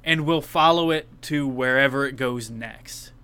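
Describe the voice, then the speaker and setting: On a laid-back video game podcast, this male co-host chats about the game awards in a bright, crisp voice with a clean, smooth sound. His pitch sits in the middle range and his pace is a little slow. He gives his opinions frankly and enthusiastically, swearing freely as he goes.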